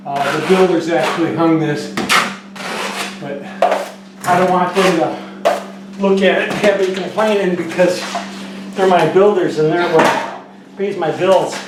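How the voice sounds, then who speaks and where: A man's voice: sits high, fairly even intonation, measured pace, long pauses. A man working as a drywall finisher, talking casually and jokingly while he demonstrates taping in a garage. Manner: joking, rambling storyteller. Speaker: drywall finisher and show host. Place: garage under repair. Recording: echoey garage, distant mic, noisy.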